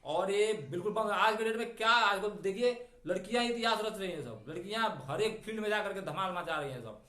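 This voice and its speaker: A middle-aged man teaches vocabulary in a chatty, rambling way. His voice sits high and he draws out each key word. It rings in an echoey room. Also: bright, forceful tone. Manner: chatty, digressive, repeats key words slowly. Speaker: English teacher. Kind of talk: spoken vocabulary lesson.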